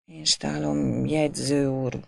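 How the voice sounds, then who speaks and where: A woman voicing a poor, humble peasant man who speaks quietly and stammers in shame. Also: low-pitched, vocal fry, a little hiss or hum.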